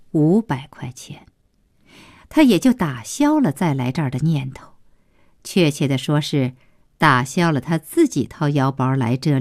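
A woman reads a long novel aloud with slow, deliberate storytelling. Her voice sits fairly low, moves with lively rises and falls, and is recorded close and dry. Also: dry recording. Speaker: audiobook narrator. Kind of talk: scripted novel narration.

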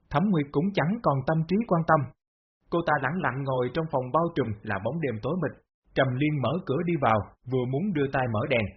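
A man reading a story aloud in steady, even scripted narration. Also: mid-range voice, slightly rough. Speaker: audiobook narrator. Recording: dull lo-fi audio.

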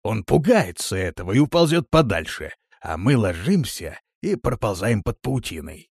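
A male narrator plays a crude, cunning man who leads his group. He talks loud, bossy and mocking, in a lively voice. It is a dry, close audiobook recording. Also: fairly low pitch, moderate pace, slightly rough, no room sound, exaggerated voice. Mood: instructive.

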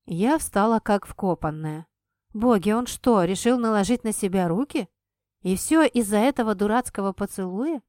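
A woman narrates a romance novel in first person with an even, storytelling delivery. Her mid-pitched voice sits close and dry, with no room sound around it. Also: normal speed, dry recording. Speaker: audiobook narrator.

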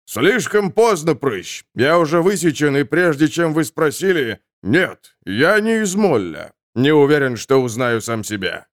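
A man's voice: fairly high pitch, big pitch swings, measured pace, few pauses, no room sound. A man voicing a weary, sardonic male soul who talks dryly. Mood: wry. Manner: dry, sardonic.

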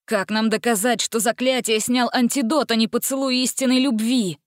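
A woman's voice: a little high, steady tone, normal speed, no echo, studio quality, natural voice. A woman voicing a clever, sensible young male sidekick in a storybook reading. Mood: reasoning. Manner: level, reasonable.

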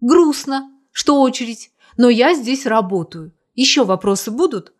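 A woman voicing a brisk, stern woman doctor and mother in a read-aloud story, curt and commanding. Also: on the high side, animated, pitched above the performer's own voice.

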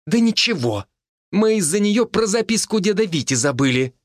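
A man voicing a brisk, sharp-tongued village herbalist woman who scolds and exclaims in a raised, lively voice. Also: high-pitched, no echo, studio quality, voice pushed up. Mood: eager.

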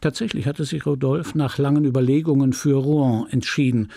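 A man reading a classic novel aloud as an audiobook, with dramatic, measured storytelling on a close studio mic. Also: medium pitch, steady tone, creaky, dark tone, dry recording. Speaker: audiobook reader. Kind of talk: literary audiobook narration.

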